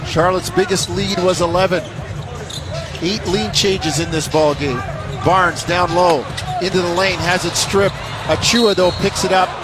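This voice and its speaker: High-voiced man calling basketball play-by-play. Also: steady tone, measured pace. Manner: clipped short phrases. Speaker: play-by-play commentator. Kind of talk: live basketball commentary. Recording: courtside arena noise behind voice. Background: basketball arena crowd and bouncing balls.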